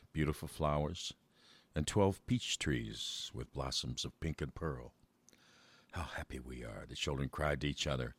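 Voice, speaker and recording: A man reading a children's story aloud in a measured way, slowing down for verse. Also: extremely low pitch, no echo.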